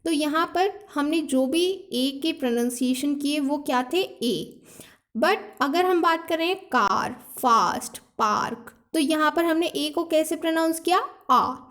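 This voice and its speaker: High-voiced woman teaching a lesson. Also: fairly bright tone. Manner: Hindi-English mixed explanation, repeats points, reads out example words slowly. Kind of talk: classroom lesson explaining phonetics.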